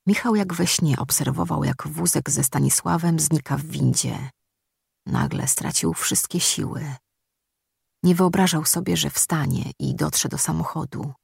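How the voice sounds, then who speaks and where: Gravelly, husky audiobook narrator. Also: mid-range voice, dry recording, studio quality. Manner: steady, measured reading. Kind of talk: scripted narration.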